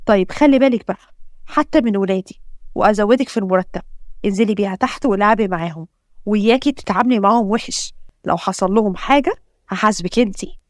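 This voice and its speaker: A woman's voice: medium pitch, fast talker, darkish tone, no room sound, studio quality, natural voice. A woman with an Egyptian accent reading the lines of a firm, protective young father in a story. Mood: stern. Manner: firm and commanding.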